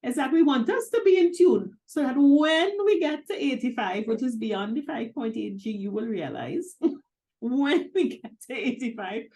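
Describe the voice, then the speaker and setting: A middle-aged woman co-hosting a talk show, emphatic and quick to laugh. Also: on the high side, animated, warm tone. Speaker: co-host. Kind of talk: casual talk-show chat.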